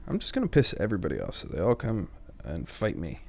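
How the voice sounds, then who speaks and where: Young dude doing a lets play, gravelly voice, swears a lot, reads the game text out. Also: male voice, deep voice, huge pitch swings, fast, darkish tone, a little hiss or hum. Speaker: let's player. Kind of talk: casual gameplay commentary.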